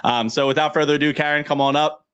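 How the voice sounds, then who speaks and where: A man's voice: fairly high pitch, steady tone, fast talker, a bit bright, clear, resonant tone, highs cut off. A man with a New Jersey accent hosting a casual livestream, playful and joking as he hypes up his guests over a video call. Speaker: livestream host.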